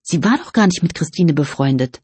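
A self-conscious woman murmuring gossip under her breath, hushed and conspiratorial, as a woman reader puts her on. The voice is soft and breathy, close and dry. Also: deep voice, expressive, fairly quick, dry recording, full character voice.

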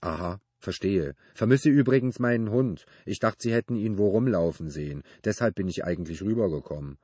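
A man putting on a loud, cracked-voiced old neighbor. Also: lowish voice, animated, fairly quick, husky, no room sound. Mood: blunt. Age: older. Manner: blunt clipped speech, calling out loudly, suspicious. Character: gruff lonely older male neighbor, brooding and volatile.

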